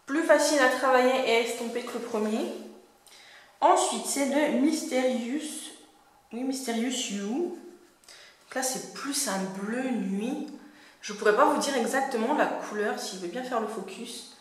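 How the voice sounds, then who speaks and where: A young woman with a fairly high voice reviews makeup in a relaxed, chatty way, pausing often on fillers. The room is very echoey. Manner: chatty and hesitant, many fillers. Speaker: beauty vlogger.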